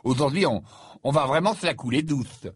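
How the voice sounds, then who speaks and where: A man voicing a cheeky, lazy teenage schoolboy in an audiobook, speaking a little higher and livelier than his own voice. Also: animated, a little fast, slightly rough, no room sound, studio quality. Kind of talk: audiobook character voice.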